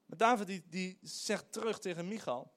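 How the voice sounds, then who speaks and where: A middle-aged man, a pastor, preaching a sermon in an animated, emphatic way with frequent hesitations. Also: sits high, normal speed.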